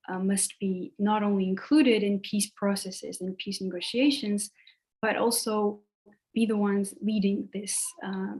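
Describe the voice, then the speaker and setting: A woman from Georgia moderating a live online panel, speaking in a measured, formal way with frequent pauses. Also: mid-range voice, a little mellow. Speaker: moderator and co-founder of the network.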